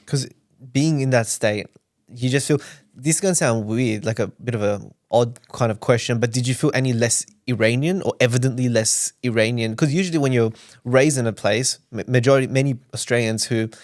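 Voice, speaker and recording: A man hosting a podcast interview in a studio, upbeat and fond of jokes. His voice has an ordinary middle pitch and sounds dry and close, with no room echo. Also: brisk. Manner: upbeat, playful, joking. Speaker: podcast host. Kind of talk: conversational interview.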